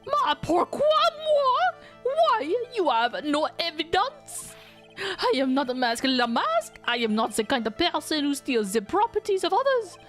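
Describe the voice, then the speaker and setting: A woman's voice: very animated, measured pace, fairly bright tone, soft background music, exaggerated voice. A woman voicing a flamboyant, melodramatic and timid French restaurant owner, a man with a theatrical, whiny manner and a French accent. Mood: wounded, defensive. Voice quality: high, shrill, piercing.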